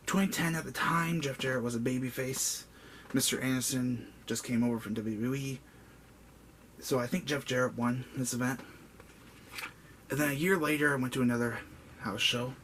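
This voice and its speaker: A man's voice: medium pitch, fairly bright tone. A man in his twenties casually rambling through a personal story in a vlog, full of "like" and "um". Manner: rambling, with many "like" and "um" fillers. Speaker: vlogger. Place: indoor room with a buzzing bug. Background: faint background noise and a buzzing bug.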